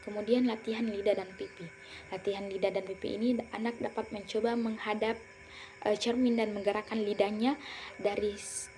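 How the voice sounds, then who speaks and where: A young woman talks through a class presentation in a mellow, soft-toned voice, stopping now and then on fillers and restarting her words. Faint noise sits under the recording. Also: medium pitch. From Indonesia. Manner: explanatory, with frequent fillers and self-corrections. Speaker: student presenter. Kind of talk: academic presentation.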